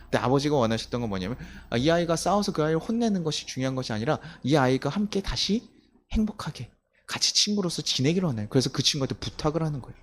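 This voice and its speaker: A man's voice: a little high, animated, fast talker. A young male pastor preaching a Sunday sermon, telling stories, asking the congregation questions and acting out the voices he quotes.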